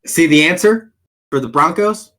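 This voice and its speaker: A man co-hosting a sports podcast, excitable and quick to fire questions in casual chat. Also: on the high side.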